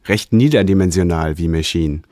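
A man's voice: low voice, normal speed, no echo, studio quality, close to an everyday voice. A man doing an eager young alien scout. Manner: excited, wondering.

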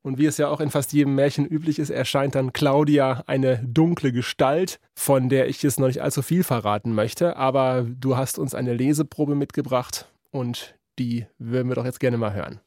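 A man hosting a radio interview, presenting in a smooth, conversational way. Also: medium pitch, fairly even intonation, moderate pace, hardly any pauses, a little mellow, dry recording, clean studio sound. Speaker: radio host.

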